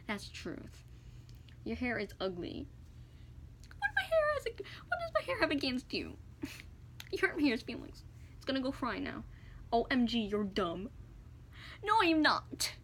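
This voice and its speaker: Sarcastic high-voiced woman vlogger. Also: fairly bright tone, slight background noise. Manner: sarcastic, indignant comebacks. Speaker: vlogger reading hate comments. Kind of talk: casual chat.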